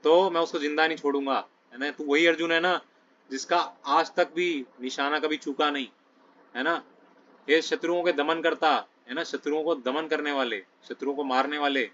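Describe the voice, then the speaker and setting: A man's voice: on the high side, fairly even intonation, normal speed, fairly bright tone. A man explaining scripture to a study group in a conversational way, often checking in with listeners between phrases. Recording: dull lo-fi sound with faint noise.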